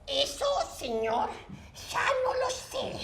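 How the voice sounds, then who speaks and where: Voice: high voice, sing-song, slow pace, fairly bright tone, echoey room, heavily acted. A performer voicing a resigned servant who answers his lord deferentially. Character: weary, deferential male servant. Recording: distant mic, clear background noise.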